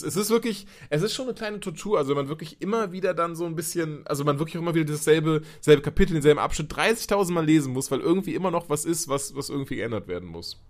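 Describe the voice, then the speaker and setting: A young man chatting casually as a podcast host, animated and quick to act out what people said, with casual swearing. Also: fairly high pitch. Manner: animated, swears casually, acts out quoted exchanges. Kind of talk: casual chat.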